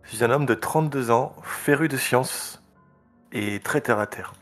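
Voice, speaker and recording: A man's voice: mid-range voice, measured pace, a bit bright, soft background music. A man playing a tabletop game over a video call, speaking in a plain, matter-of-fact way. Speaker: player. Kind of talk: tabletop game role-play. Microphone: headset on a video call.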